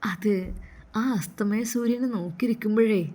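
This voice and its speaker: A woman voicing a gentle, devout young woman lawyer who grieves in a soft, tearful way, with a Malappuram Malayalam accent. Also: mid-range voice, normal speed, voice pushed up, natural voice. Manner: tender, tearful pleading.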